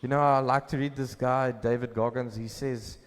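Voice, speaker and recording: A pastor preaching a sermon at a pulpit microphone, asking questions and answering them himself with emphasis. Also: male voice, medium pitch, fairly even intonation, moderate pace, clear, resonant tone. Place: church hall. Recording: long hall reverb.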